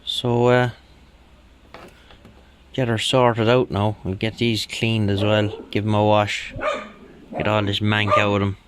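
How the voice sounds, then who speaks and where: A man who restores radios for fun keeps up a hesitant, muttering commentary during a repair, in no hurry at all. His lowish voice is delivered completely flat, and background noise can be heard.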